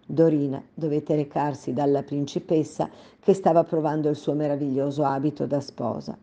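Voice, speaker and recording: A woman reads a fairy tale aloud at a calm, steady storytelling pace. Her voice is deep and very dark, with a soft, mellow warmth. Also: normal speed, dull audio.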